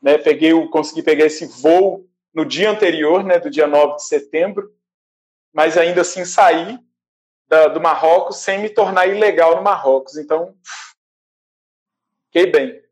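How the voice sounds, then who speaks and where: A Brazilian man casually recounting a stressful arrival on a trip, animated and acting out the people he met, laughing now and then. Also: a little high, a little slow. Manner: animated, acts out quoted voices, laughs often. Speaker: traveler recounting his trip. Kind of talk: casual storytelling. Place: a small shared house, indoors.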